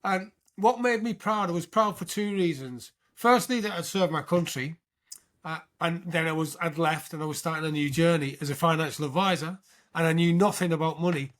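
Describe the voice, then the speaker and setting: A British man in his sixties tells his story as a guest on an interview show, his voice pitched high. He talks in an animated way and often checks in with the listener. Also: a little fast. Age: 60s. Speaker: podcast guest, military veteran.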